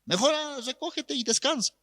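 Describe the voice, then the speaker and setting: A man's voice: very high-pitched, lively intonation, normal speed, sharp tone, long reverb tail, voice pushed up, heavily acted. A man voicing stern, dismissive police officers in a sermon story, curt and scolding.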